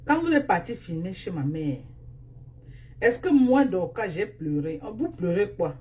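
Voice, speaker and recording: A woman's voice: lowish voice, big pitch swings, moderate pace, darkish tone, muffled recording. A woman with a Cameroonian French accent chatting casually on a live stream, speaking into a phone. She teases and scolds in repeated refrains. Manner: repetitive, teasing, scolding refrains.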